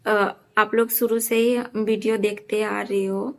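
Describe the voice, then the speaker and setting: Young vlogger girl, gravelly kinda flat voice, keeps explaining herself to viewers. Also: medium pitch, measured pace. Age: young adult. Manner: earnest, defensive, repeats her points. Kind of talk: casual talk to camera.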